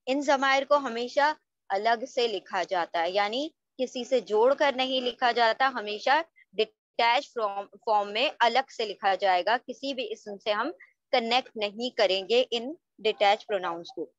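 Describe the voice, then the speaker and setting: A woman's voice: a little high, measured pace, dry recording. A woman teaching an Arabic grammar lesson, patiently drilling word tables aloud for students to repeat and often checking that they follow. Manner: checks understanding with frequent rhetorical questions. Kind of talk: online language lesson. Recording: dull, lo-fi dry recording.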